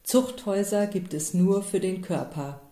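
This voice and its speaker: A woman reading the lines of a calm, wry older male village priest in a slow, measured, dry way. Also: medium pitch, lightly acted. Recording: roomy echo.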